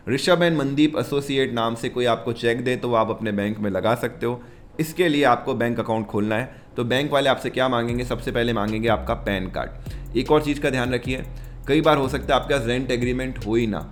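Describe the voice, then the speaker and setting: A young man walks listeners through business paperwork one step at a time. His voice sits at an ordinary middle pitch, and faint music runs underneath him. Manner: explains step by step in a mix of Hindi and English. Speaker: host. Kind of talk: explainer interview.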